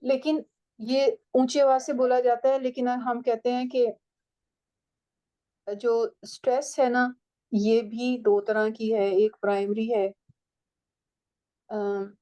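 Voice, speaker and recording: A woman's voice: fairly high pitch, flat delivery, slow, pauses often, mellow, dull audio. A woman teaching a writing and language class, explaining step by step and checking that her students follow.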